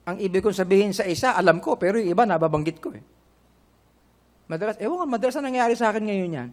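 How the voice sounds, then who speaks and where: Filipino male pastor, middle-aged, high and lively delivery, preaching and calling out to the congregation. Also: fast. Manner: preaching in Tagalog mixed with English, quoting scripture; calls on the congregation with "Amen?" and "Correct?". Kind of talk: sermon.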